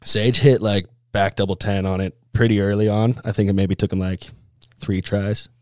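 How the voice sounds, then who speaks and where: A man with a lowish, slightly mellow voice speaks at a normal speed with a level tone, recorded studio-clean with no echo. As a laid-back interview guest, he tells stories in casual chat packed with snowboarder slang and constant "like" and "dude."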